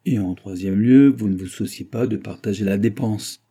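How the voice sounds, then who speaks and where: A man reading an audiobook and voicing a pompous, lecturing brewer's clerk who talks loudly and emphatically. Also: lowish voice, moderate pace, vocal fry, slightly rough. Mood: emphatic. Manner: lecturing, self-important, emphatic.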